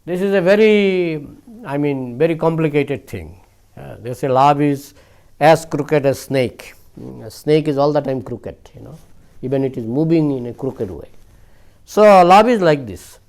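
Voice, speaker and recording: A man's voice: fairly high pitch, lively intonation, a little slow, creaky, a little mellow. A man telling a devotional story, often repeating phrases and adding "you know". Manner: repetitive, with frequent "you know" and "I mean". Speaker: spiritual speaker.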